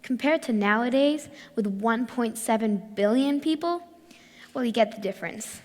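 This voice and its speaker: A teenage girl from Morocco and Australia giving a clear, rehearsed talk on stage. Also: on the high side, lively intonation, normal speed, a little mellow, big-room sound. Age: teens. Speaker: youth speaker. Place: large hall.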